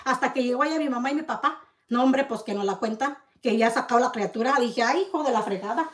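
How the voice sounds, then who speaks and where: A woman rants to camera in her vlog, accusing and bitter. Her voice sits high, and she stacks up hard rhetorical questions. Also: fairly even intonation, a little fast, fairly bright tone. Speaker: vlogger. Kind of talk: heated confrontational rant to camera.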